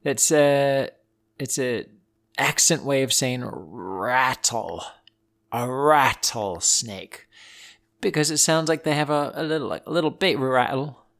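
Beside a wood stove indoors, the playful host of a children's animal podcast tells animal stories at normal speed. His voice is a little high with fairly even intonation, and he narrates informally for listeners in a theatrical put-on accent.

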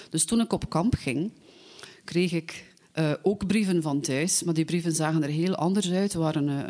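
A woman with a Flemish accent telling a personal story aloud, lively but with frequent hesitations and fillers. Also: sits low. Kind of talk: personal anecdote told aloud.

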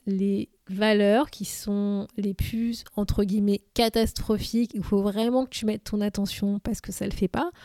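A woman's voice: on the high side, darkish tone, dry recording, studio quality. A woman hosting a solo podcast, walking the listener step by step through a self-coaching exercise in a methodical way, with fillers along the way. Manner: methodical, addresses listener informally, frequent fillers. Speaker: podcast host.

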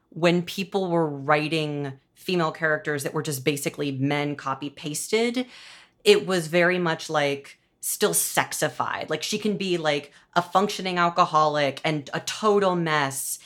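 This podcast host and showrunner has a low-pitched, fairly bright voice. She analyzes storytelling casually, with wry informality and plenty of "like" in her speech.

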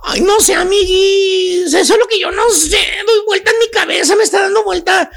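A man's voice: very high voice, takes it slowly, gravelly, full character voice. A man with a Mexican accent voicing a lovesick woman who sighs and whines tearfully about her ex. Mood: weepy. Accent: Mexican Spanish. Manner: whiny, sighing, tearful.

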